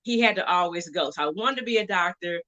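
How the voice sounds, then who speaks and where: A woman as a dentist guest on an interview. She is chatty and lively, quick to laugh. Her voice has a bright ring. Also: fairly low pitch. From Atlanta, Georgia. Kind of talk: casual interview.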